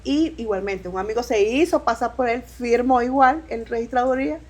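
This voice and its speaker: A woman from Venezuela in her thirties gives emotional personal testimony in an interview. Her voice sits a little high, and she speaks haltingly, restarting phrases and acting out what others said to her. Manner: halting, with restarts and quoted dialogue. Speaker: interview guest.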